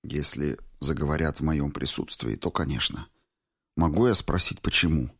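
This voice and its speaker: A man's voice: rumbling low, moderate pace, a bit bright, breathy edge, heavily acted. A man voicing an embarrassed young man who gives subdued, hesitant replies in an audiobook reading. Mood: quiet.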